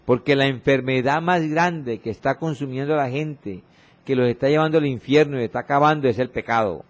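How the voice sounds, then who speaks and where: This radio broadcast of a church sermon features a man slowly reading scripture and repeating refrains that urge his listeners on. For emphasis, his voice often falls low and soft.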